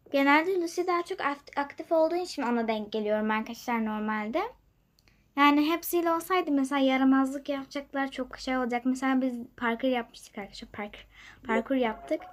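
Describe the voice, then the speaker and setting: A young woman hosting a gaming channel, chatting to her viewers as she plays, moving from hushed whispers to loud, excited calls. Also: high voice. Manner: lively, talks to viewers, jumps between loud excitement and quiet whispers. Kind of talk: chatty gameplay commentary.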